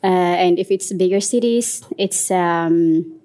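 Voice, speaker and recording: A woman in her late twenties, from Eritrea, speaking thoughtfully and in a measured way on a panel. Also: lowish voice, mellow. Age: 20s. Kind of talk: panel discussion.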